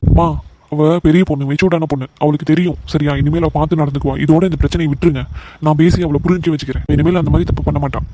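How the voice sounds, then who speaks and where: A man's voice: fairly high pitch, steady tone, rapid-fire, background noise, close to an everyday voice. A man voicing a protective elder brother in a cartoon drama, firm yet soothing. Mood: persuasive.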